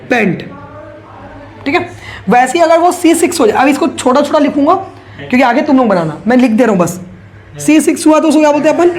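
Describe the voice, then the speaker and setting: A man teaching a chemistry class in a casual lecture style, asking rhetorical questions, answering them himself and repeating key points. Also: extremely high pitch.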